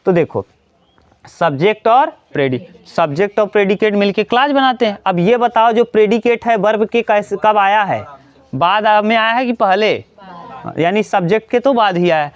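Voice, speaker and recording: High, clear-voiced man teaching grammar. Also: lively intonation, normal speed, lo-fi sound. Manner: explains step by step, asks students questions and repeats key words. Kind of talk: classroom grammar lesson.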